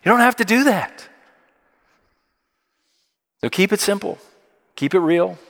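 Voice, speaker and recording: Male preacher, slightly high voice, conversational and emphatic, big hall echo. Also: animated, unhurried, creaky, a bit bright. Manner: conversational, emphatic, repeats key phrases. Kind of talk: sermon. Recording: long hall reverb.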